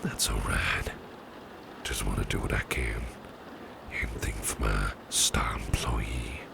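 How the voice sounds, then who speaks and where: A male actor plays a doting, reassuring businessman boss in an ASMR personal-attention roleplay, soothing and flirtatious. He murmurs in a breathy, half-whispered, bottomless low and gravelly voice, slow and unhurried, repeating reassurances in genteel phrasing with a soothing, protective mood. The full character voice sits over background noise.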